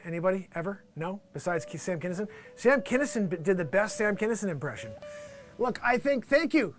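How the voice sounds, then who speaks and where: A man's voice: sits high, a bit bright. A man improvising a mock live weather report as a flustered, aggrieved TV reporter, rambling and complaining in exasperation. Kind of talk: improvised mock news report, ranting monologue.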